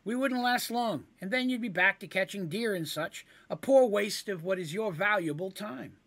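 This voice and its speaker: A man voicing a quick-witted little woman hunter who coaxes a monster with offers in a fantasy tale. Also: high-pitched, vocal fry, a bit bright, pitched above the performer's own voice, heavily acted. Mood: coaxing. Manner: quick, coaxing.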